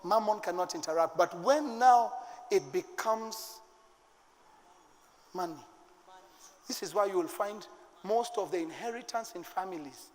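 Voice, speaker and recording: A middle-aged Kenyan pastor preaches with fervour, his voice sitting high for a man. He swings into sudden shouted bursts to drive his points home. His words ring out with a long reverb that fills the church hall. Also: measured pace, long pauses. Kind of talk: sermon. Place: church sanctuary.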